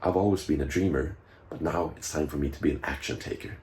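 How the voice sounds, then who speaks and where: Very deep-voiced young man. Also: fast, a little mellow, slight background noise. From Sweden. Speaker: vlogger. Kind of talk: casual reflective vlog talk to camera.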